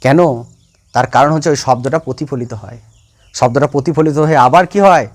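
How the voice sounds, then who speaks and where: A man's voice: mid-range voice, fairly quick. A man teaching a science class, repeating key points and quizzing his students. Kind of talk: classroom lecture.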